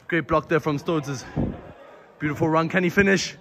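A man commentating live on an amateur football match, excited and out of breath, with stock phrases. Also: a little high, slow.

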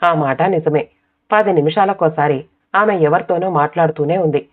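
A woman narrating an audiobook short story in a calm, measured reading voice. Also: low-pitched. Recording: tinny, phone-like sound.

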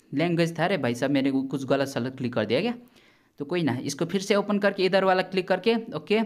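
A man giving casual gameplay commentary as a gaming YouTuber, chatty and blunt, warning his viewers and swearing now and then. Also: high voice. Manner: chatty, repeatedly addresses viewers as brother.

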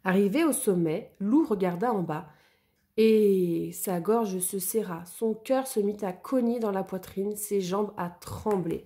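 A woman narrating a children's story in a lively, expressive way. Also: mid-range voice, a little slow.

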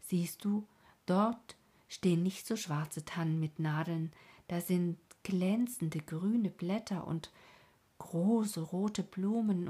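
A woman voicing a wistful, sad little boy in a bedtime story, breathy and softly whispered. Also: lowish voice.

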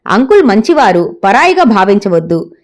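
A woman's voice: medium pitch, very animated, moderate pace, natural voice. A woman voicing a friendly, encouraging young man in a read-aloud story.

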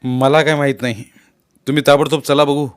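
A man voicing a brusque messenger who delivers police orders in a loud, commanding tone in an audiobook. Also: mid-range voice, a little fast, clear, resonant tone, close to an everyday voice.

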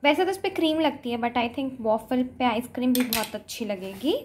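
Over loud music, a woman in her twenties with an Indian accent hosts a casual home cook-along vlog, moving between Hindi and English. Her fairly high voice is expressive and moderately paced. She's in a small curtained room indoors, captured by a phone camera a few feet off, with an echoey sound and background noise.

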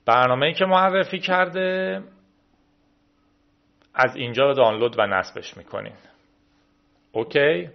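A man's voice: mid-range voice, vocal fry, long pauses, lo-fi sound. A man hosting a casual screen-recorded tech tutorial, chatting through each step as he clicks through menus. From Iran. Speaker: tech video host.

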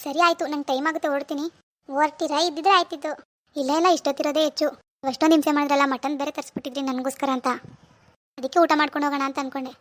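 A woman voicing a middle-aged mother-in-law in an animated village family story, brisk and caring as she takes her leave. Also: high voice, dry recording. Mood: apologetic.

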